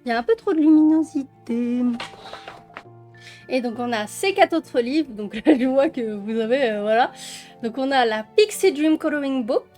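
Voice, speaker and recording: Showing off coloring books in a relaxed vlog, a French woman chats with frequent fillers and diminutives. Her voice is high and a little mellow.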